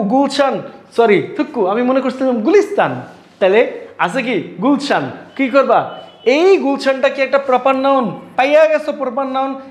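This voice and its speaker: A man's voice: extremely high pitch, roomy sound. A male English grammar teacher from Bangladesh, teaching a class in casual speech and teasing and scolding his students.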